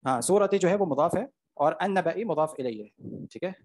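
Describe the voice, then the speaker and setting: A man teaching Arabic grammar in an online class. His voice sits fairly high, and he explains patiently, step by step, stopping often to check that his students follow. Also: animated, moderate pace.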